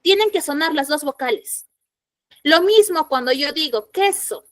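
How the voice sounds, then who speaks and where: A woman with a high, bright voice teaches a secondary school language class online. She keeps asking her students questions and goes back over each rule. The sound is dry and close, with no room echo. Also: animated, unhurried. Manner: questioning, repeats key points for students. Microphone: computer mic in an online class.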